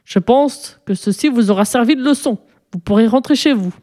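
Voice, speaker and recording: A woman's voice: on the high side, normal speed, warm tone, voice pushed up, lightly acted. A woman voicing a stern, pompous male school principal in a children's storybook reading. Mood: pleased.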